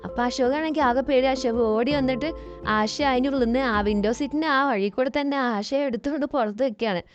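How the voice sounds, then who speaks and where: A woman retelling a serial episode in a lively, chatty way. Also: sits high, a little fast. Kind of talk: casual storytelling recap. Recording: dull lo-fi sound, faint music behind.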